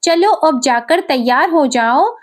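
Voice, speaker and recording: A woman reading the lines of a gentle young husband who coaxes his wife. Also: sits high, expressive, slow. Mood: coaxing. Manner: coaxing, gentle.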